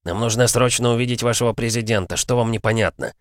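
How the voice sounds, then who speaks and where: A man voicing an impatient, irritable American man in an audiobook, gruff and grumbling. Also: mid-range voice, fast talker, no room sound, clean studio sound, pitched above the performer's own voice, lightly acted. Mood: irritated.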